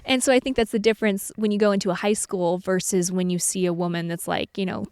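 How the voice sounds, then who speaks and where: A woman's voice: mid-range voice, steady tone, quick pace, a little mellow, clear, resonant tone, dry recording, clean studio sound. A woman in her twenties, co-hosting a podcast and talking in an earnest, candid, chatty way. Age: 20s. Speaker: podcast co-host. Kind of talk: casual chat.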